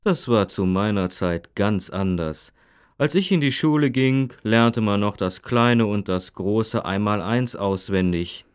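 A man's voice: on the low side, unhurried, clean tone, natural voice. Man acting a grumpy old man, grumbling nostalgically. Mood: grumbling, nostalgic. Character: grumpy old father nostalgic for the good old days. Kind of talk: scripted language-lesson dialogue.

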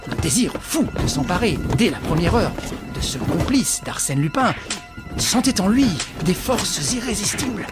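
A woman reading a classic adventure novel aloud as scripted narration, telling it dramatically with lively rises. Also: mid-range voice. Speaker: audiobook reader.

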